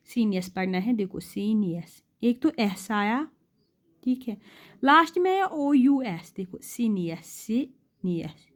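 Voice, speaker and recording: Slow, high-voiced woman shorthand teacher. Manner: asks rhetorical questions, repeats words slowly. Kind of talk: classroom lesson explaining rules.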